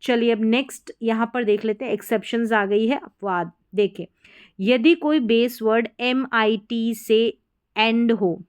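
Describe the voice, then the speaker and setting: Slow, patient woman teaching spelling. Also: fairly high pitch, smooth. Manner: slow, patient, repeats each word several times. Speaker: English teacher. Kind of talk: spoken Hindi lesson on English spelling.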